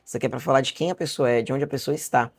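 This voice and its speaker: A Brazilian man with a Brazilian Portuguese accent, teaching a beginner lesson online in a chatty, encouraging way and repeating words slowly for practice. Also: mid-range voice, fairly even intonation, gravelly. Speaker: English teacher. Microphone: webcam or camera facing him.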